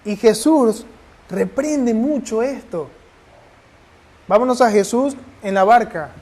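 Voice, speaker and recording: A man's voice: very high voice, lively intonation, takes it slowly, a little mellow. A man preaching a sermon and then leading a prayer, pressing his listeners with urgent rhetorical questions.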